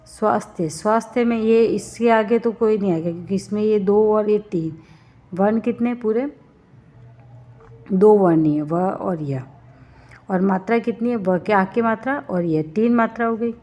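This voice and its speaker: A woman teaches a grammar lesson, working through each example slowly and asking her class questions as she explains. Her voice is mellow and warm. The recording is somewhat dull and lo-fi. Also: medium pitch. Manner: explains step by step with rhetorical questions. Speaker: Hindi teacher.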